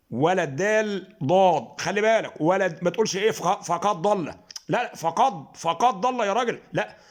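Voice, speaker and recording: Egyptian male recitation teacher, high-pitched and quick, informal lesson, coaxing tone. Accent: Egyptian Arabic. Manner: coaxing, repeats "تمام؟" often, slows down to demonstrate letters and recite verses. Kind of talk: informal lesson on Quran pronunciation.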